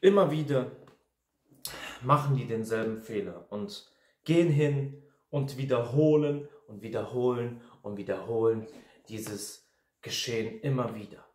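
A man's voice: medium pitch, measured pace, a little mellow. A man in his twenties, a life coach talking casually to camera in an emphatic, repetitive ranting manner. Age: 20s. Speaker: life coach and video host. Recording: echoey room.

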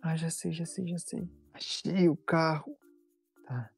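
A woman's voice: low voice, fairly even intonation, takes it slowly, vocal fry, darkish tone, slightly rough, faint music behind, voice pushed down, full character voice. A woman voicing a sneaky, defiant young male car thief.

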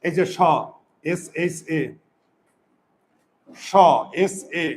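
A man teaching pronunciation, explaining step by step and often asking his students questions. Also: extremely slow. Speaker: Bengali grammar teacher. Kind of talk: whiteboard pronunciation lesson.

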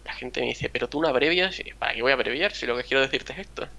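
A young man from a town near Seville, Spain, speaks with a mild Andalusian accent in a bright, gravelly, medium-pitched voice at a quick pace. As a gaming channel host chatting casually over a video game, he rambles, stays chatty, and acts out quotes.

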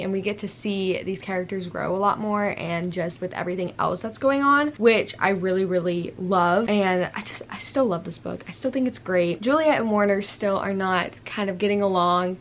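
A young woman talks through a casual reading vlog in a chatty, gushing way, with frequent "like" fillers. Her voice sits at an ordinary middle pitch for a woman. A faint hiss of background noise runs beneath her. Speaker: book vlogger.

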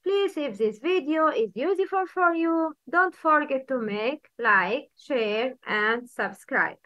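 Slow high-voiced woman teaching Quran. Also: expressive, bright, forceful tone, muffled recording. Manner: slow, drawn-out recitation with repeated words for learners. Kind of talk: Quran recitation and tajweed lesson.

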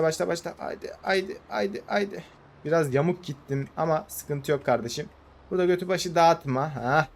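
A young man giving casual, excitable commentary over a farming game, urging the vehicle on with quick repeated words. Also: fairly high pitch. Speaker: gaming YouTuber. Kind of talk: casual let's-play commentary.

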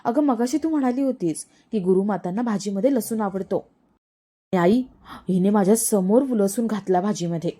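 A scheming young woman who keeps pressing her point, voiced by a female narrator. Her voice is very dark and mellow, and she sounds insistent and accusing. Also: medium pitch, moderate pace, close to an everyday voice.

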